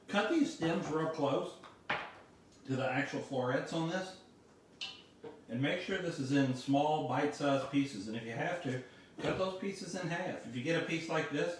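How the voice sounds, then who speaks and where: A man's voice: a little high, a little hiss or hum. A man hosting a casual cooking demonstration, folksy and easygoing, with homespun phrases. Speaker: cooking show host. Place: home kitchen. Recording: echoey kitchen, mic far off.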